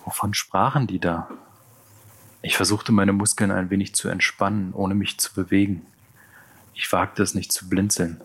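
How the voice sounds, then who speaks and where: Low-voiced man reading an audiobook. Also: steady tone, normal speed, fairly bright tone, slightly rough. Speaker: audiobook narrator. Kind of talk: scripted narration.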